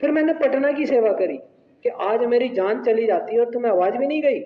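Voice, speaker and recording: High-voiced teacher in an echoey hall. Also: male voice, brisk. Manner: animated, conversational, asks "right?". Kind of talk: storytelling to a class. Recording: echoey hall, tinny phone-like sound.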